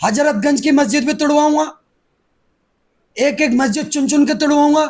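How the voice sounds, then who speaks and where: A man's voice: very high-pitched, normal speed, darkish tone. A man, speaking aggressively and defiantly as the guest in a heated political interview. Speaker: interviewee, activist.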